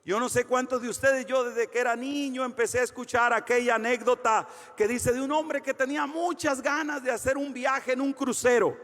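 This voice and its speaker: High-voiced fervent preacher. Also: male voice, in a large hall. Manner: fervent, swings between shouting and hushed storytelling. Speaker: pastor. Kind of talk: preaching a sermon.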